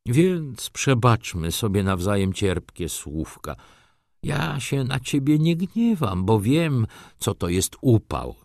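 A fussy elderly aristocrat, as a male narrator puts him on, his voice raised higher than the reader's own and drawn out slowly. He pleads and wheedles, easily flustered, with lively swoops of pitch in a dry, close sound. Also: vocal fry, no room sound, heavily acted. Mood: tearful. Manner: pleading, wheedling, slow and emotional.

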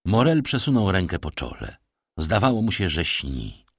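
A man narrating a novel aloud in an expressive, dramatic storytelling manner. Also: deep voice, moderate pace, no echo, studio quality. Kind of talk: audiobook narration.

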